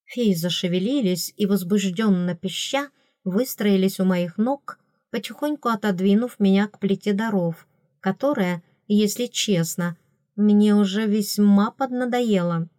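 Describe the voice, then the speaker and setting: Woman narrator, middle-pitched voice, expressive first-person audiobook read, dry booth sound. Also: unhurried, no room sound. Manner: expressive, voicing characters with raised pitch.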